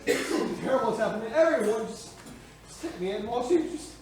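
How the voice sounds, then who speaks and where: A man's voice: very high voice, lively intonation, fast. A man on a theater stage playing a desperate, bewildered family man, frantic and pleading. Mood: distraught. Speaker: stage actor. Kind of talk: live stage play acting. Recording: echoey stage from far off.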